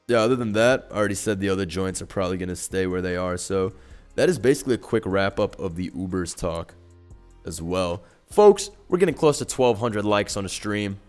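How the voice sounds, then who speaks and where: A young man streaming live gameplay commentary, excitable and profane, full of slang, swinging from low mumbles to loud yelling. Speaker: gaming streamer.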